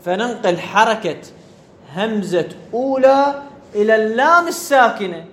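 High-voiced man teaching grammar. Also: animated, normal speed, a bit bright. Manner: asks students questions and repeats key words. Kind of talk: classroom lecture.

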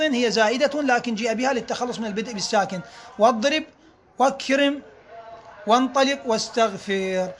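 A man's voice: very high-pitched, a bit bright. A man teaching a grammar lesson, reading rules aloud and explaining them through repeated examples.

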